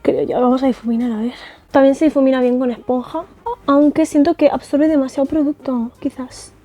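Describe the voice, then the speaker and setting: Faint background music accompanies a young woman from Spain who reviews cosmetics as a makeup artist, trying on makeup and chatting effusively to camera with plenty of fillers and tag questions. She speaks briskly in a high, dark-toned voice with fairly even intonation and a Spanish accent. It's a casual beauty vlog.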